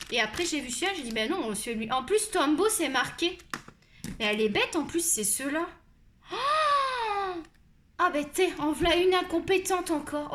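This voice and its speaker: A woman with a high, shrill voice who talks loudly and at length, chatting her way through a colored-pencil tutorial. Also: a little hiss or hum. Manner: loud, talkative and animated. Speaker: colouring tutorial host.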